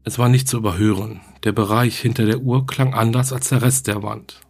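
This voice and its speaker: A man reads a ghost story aloud at a steady, measured pace. His voice sits low and is gravelly and husky. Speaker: narrator. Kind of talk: storybook narration.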